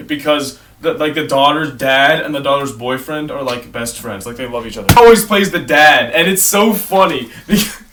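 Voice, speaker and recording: A man's voice: a little high, moderate pace. A young man rambling casually through a ranked list, often correcting himself and trailing off mid-sentence. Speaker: host ranking favorite creators. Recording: distant mic with clear background noise.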